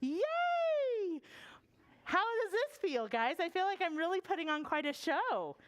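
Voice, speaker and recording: A woman hosting a children's storytime, calling to the kids in a bright singsong from behind a puppet theater. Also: very high-pitched, very animated, a little slow, dry recording.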